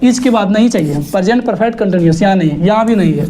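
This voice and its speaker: A male teacher runs an exam-prep grammar lesson in a lively, teasing way. He scolds with rhetorical questions and spells words out letter by letter. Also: sits high, rapid-fire.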